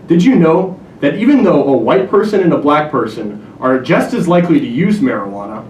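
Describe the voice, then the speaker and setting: A young man in his twenties argues his case in a persuasive competition speech, earnest with flashes of dry humor. His voice sits slightly high and moves with lively pitch. He is heard from a distance in a roomy lecture hall over a faint rumble. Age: 20s. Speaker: student contest speaker.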